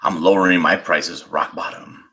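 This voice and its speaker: A man in his sixties with a raspy smoker's voice, chatting casually and teasingly on a livestream. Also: deep voice, steady tone, normal speed, noisy background. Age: 60s. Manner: joking, teasing. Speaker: artist and co-host of an online art auction.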